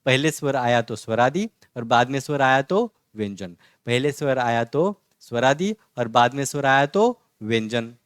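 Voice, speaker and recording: A man's voice: mid-range voice, lively intonation, smooth, no echo, studio quality. A man teaching a basic Marathi lesson who repeats "isn't it?" and answers his own questions. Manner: patient, repetitive, keeps asking "है ना?" and answering his own questions; spells out each letter slowly and distinctly. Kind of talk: online language lesson, explaining letters on a board.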